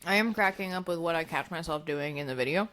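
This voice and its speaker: A woman co-hosting a podcast in casual chat, teasing dryly and dropping quick agreements. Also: on the low side, fairly bright tone. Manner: dry, teasing, quick backchannels. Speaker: podcast co-host.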